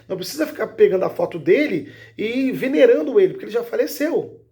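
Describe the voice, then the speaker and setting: A man playing a gently reproachful new husband. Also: high-pitched, sing-song, quick pace, pitched above the performer's own voice.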